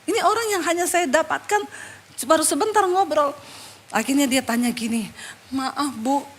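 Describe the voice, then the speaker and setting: A woman pastor preaching a sermon, telling stories in an animated, joking way, dropping to hushed asides and rising for punchlines. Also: sits high, a little fast, slight background noise. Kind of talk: sermon with storytelling.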